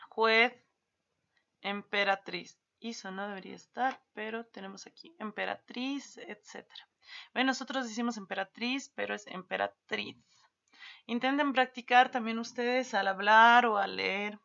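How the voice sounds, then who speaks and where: A woman teaching a spelling lesson to her students, stretching words out slowly to show how they are written. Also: on the high side, sharp tone. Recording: dull lo-fi sound.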